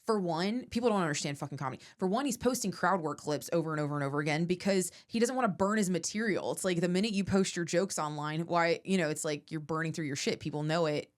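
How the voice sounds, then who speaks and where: A woman's voice: on the low side, quick pace, few pauses. A woman in her thirties, a comedian guest on a podcast, talking casually and animatedly and swearing freely. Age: 30s.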